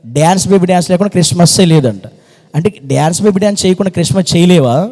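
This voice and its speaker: A man's voice: high voice, lively intonation, racing, darkish tone, big-room sound. A man preaching a fervent sermon as pastor, repeating phrases and firing rhetorical questions. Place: church hall.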